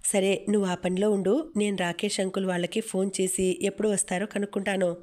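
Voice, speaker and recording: A woman's voice: medium pitch, little pitch movement, fairly quick, darkish tone, lightly acted. A woman voicing a devoted, playful young man in an audiobook, teasing and affectionate. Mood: casual.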